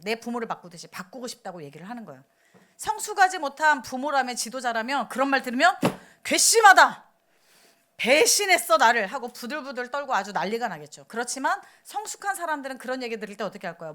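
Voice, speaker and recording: A woman's voice: fairly high pitch, sing-song, quick pace, fairly bright tone. A woman missionary preaching a sermon in church, talking conversationally, asking the congregation questions and acting out quoted outbursts. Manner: acts out quoted outbursts in raised voice.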